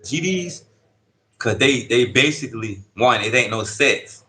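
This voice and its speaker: Speaking from a prison dorm, an incarcerated man in his thirties tells stories casually in street slang. His mid-range voice is expressive, bright, and forceful at a slightly slow pace, and he keeps asking "you see what I'm saying" to check in with the listener.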